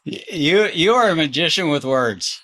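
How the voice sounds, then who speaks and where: Guy hosting a podcast, friendly and encouraging, kinda higher voice. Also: lively intonation, normal speed, bright, forceful tone. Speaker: podcast host. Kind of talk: casual interview chat.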